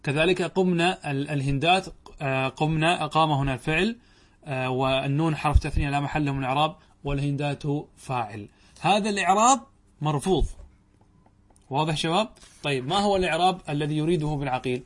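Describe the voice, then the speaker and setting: A man's voice: a little high, quick pace. A man teaching a classroom grammar lesson, asking his students questions and stressing key words. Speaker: religious teacher.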